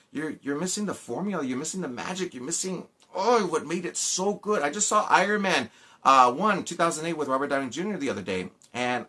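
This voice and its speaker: A man's voice: mid-range voice, bright, forceful tone. A young man hosting his own movie review video, ranting in a casual, exasperated way and repeating himself for emphasis. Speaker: movie reviewer, channel host.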